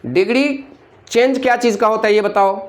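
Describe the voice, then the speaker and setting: A man's voice: sits high, moderate pace. Man teaching, quizzing his class. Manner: quizzes the class with constant call-and-response questions. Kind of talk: classroom grammar lecture.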